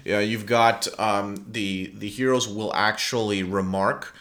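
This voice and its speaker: A man's voice: fairly low pitch, fairly even intonation, slow, fairly bright tone. A man in casual gaming chat, talking enthusiastically and rambling with restarts.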